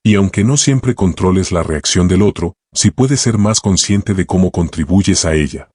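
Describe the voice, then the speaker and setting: A man narrating a self-help audiobook in a calm, measured way, speaking in short reflective phrases. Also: low voice, no room sound, clean studio sound.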